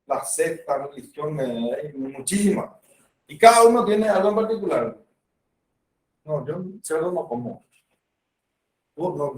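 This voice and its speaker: A man's voice: a little high, darkish tone. A man with a Paraguayan accent giving a university medical lecture, explaining with examples and acted patient dialogues. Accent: Paraguayan Spanish. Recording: roomy, from far off the mic.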